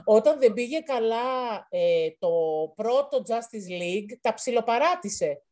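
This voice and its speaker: A woman's voice: fairly high pitch, animated, mellow. A woman chatting casually about a film, rambling with frequent restarts. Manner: rambling, restarts often, calls things chaos. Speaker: co-host. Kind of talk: casual film review chat.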